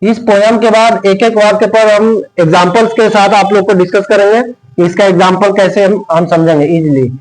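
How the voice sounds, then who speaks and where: A man's voice: sits high, fairly even intonation, low-quality recording. A man with an Indian accent teaching English grammar to students. He recites a teaching rhyme line by line and dictates it word by word. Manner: slow, drawn-out dictation of lines, word by word.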